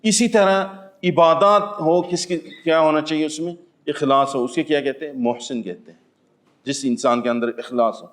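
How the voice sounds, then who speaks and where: A man giving a spoken religious lesson to an audience. He poses questions and answers them himself with everyday examples, swinging between raised emphatic lines and low, quiet asides. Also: fairly even intonation. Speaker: Islamic teacher giving Quran commentary.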